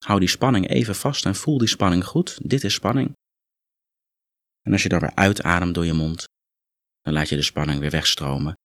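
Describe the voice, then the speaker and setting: A man guiding a muscle relaxation meditation, calm and instructive, gently coaxing the listener along. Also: low-pitched, moderate pace, long pauses, dry recording, studio quality. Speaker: relaxation exercise guide.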